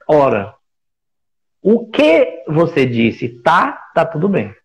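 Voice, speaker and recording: A man's voice: a little high, huge pitch swings, slow. A man with a Brazilian Portuguese accent giving a reflective explanatory talk in a live stream, often restarting phrases and posing rhetorical questions. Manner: reflective, searching for words, with frequent restarts; builds points with rhetorical questions. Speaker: speaker on workplace listening.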